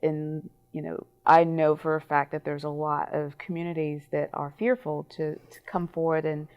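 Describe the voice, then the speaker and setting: A woman from Cameroon, a guest in a studio panel conversation, speaking earnestly and deliberately with drawn-out pauses. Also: low voice, flat delivery, smooth, dull audio. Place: small TV studio.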